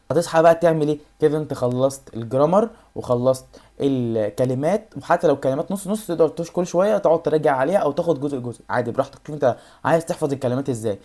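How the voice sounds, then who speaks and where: A woman's voice: sits low, a little mellow. A woman with an Egyptian Arabic accent giving study advice in a casual vlog, talking straight to the viewer and reassuring them over and over. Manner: rapid, addresses the viewer directly, repeats reassurances. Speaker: YouTuber giving exam study tips.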